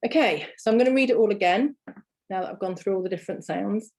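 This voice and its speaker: A woman with a British accent teaching German pronunciation, explaining patiently and repeating words slowly for learners. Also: mid-range voice, darkish tone. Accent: British English. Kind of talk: online language lesson.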